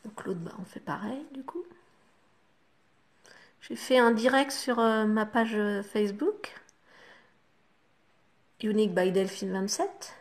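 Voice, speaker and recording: Une femme francophone au ton bavard, qui explique pas à pas son maquillage aux spectatrices avec beaucoup de « hop » et « voilà ». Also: female voice, mid-range voice, animated, takes it slowly, long pauses. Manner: chatty, talks the viewer through each step with fillers like "hop" and "voilà". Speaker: makeup vlogger. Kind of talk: casual makeup tutorial.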